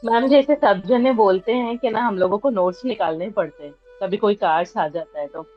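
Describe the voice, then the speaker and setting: A woman's voice: medium pitch, brisk, muffled recording, soft background music. A woman tarot student telling her teacher, in a plain matter-of-fact way, how she does readings. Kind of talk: casual question to teacher.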